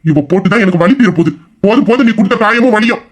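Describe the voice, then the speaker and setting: A man's voice: sits high, rapid-fire. A man playing a hot-tempered young husband in an audio drama, mocking and bitter in every reply. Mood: sarcastic, angry. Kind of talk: Tamil audio drama acting.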